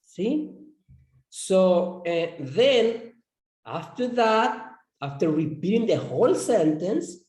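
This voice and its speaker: Halting male teacher, dark roomy voice. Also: sits high, very animated. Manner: halting, repeats words while explaining. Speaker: English teacher. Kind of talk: explaining a classroom lesson plan. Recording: roomy echo.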